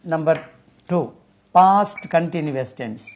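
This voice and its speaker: Slow man teaching grammar. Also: fairly high pitch, animated, noisy background. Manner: slow, repeats and spells out terms while writing. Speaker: English teacher. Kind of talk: whiteboard grammar lesson.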